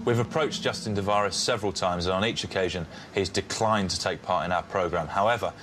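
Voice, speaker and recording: A man presenting a documentary in a brisk, formal manner. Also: deep voice, background noise. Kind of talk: scripted presenting.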